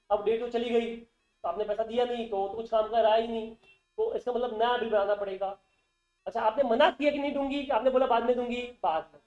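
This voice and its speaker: With a very high, warm voice, a male accountancy teacher runs his classroom lecture by repeatedly quizzing students and repeating terms back to them. The recording sounds dull and roomy.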